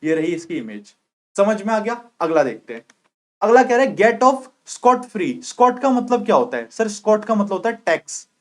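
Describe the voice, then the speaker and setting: A young man with a high voice teaches an exam-prep vocabulary class. He goes over each meaning again and again and keeps checking that his students have understood. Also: sing-song, moderate pace. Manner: repeats points, asks 'clear?' often.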